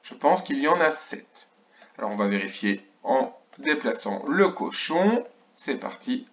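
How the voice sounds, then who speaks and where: Slow-spoken male teacher addressing children. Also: medium pitch, big pitch swings, a bit bright. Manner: slow, sounds out syllables and counts aloud for children. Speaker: kindergarten teacher. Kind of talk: remote lesson for young children. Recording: dull lo-fi recording.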